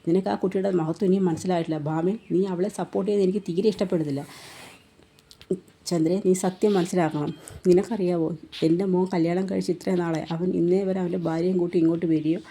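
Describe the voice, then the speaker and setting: A woman with a Malayali accent quickly retelling a TV serial episode, voicing each character's lines in turn. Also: on the low side, fairly even intonation, dark tone, slightly rough. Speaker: serial story narrator.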